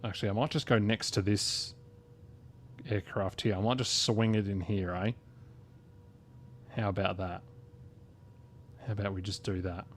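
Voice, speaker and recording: Lowish-voiced man streaming a flight simulator. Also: steady tone, normal speed, pauses often. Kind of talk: casual live gameplay commentary. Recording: low game engine rumble behind voice.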